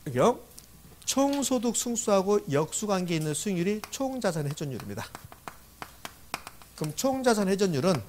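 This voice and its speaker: A man giving an exam-prep lecture, reading formulas slowly, repeating them and often checking whether students follow. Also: high-pitched, a little hiss or hum. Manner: frequent check-in questions to the class. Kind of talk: classroom lecture.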